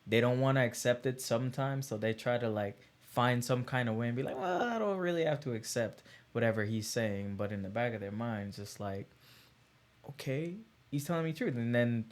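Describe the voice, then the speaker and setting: A man's voice: mid-range voice, normal speed. A man hosting a podcast chats in a loose, affirming way with an ordinary mid-range voice. He fills his talk with "man" and "like" and keeps it casual. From Guyana. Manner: relaxed, affirming, lots of "man" and "like". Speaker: podcast host, military veteran.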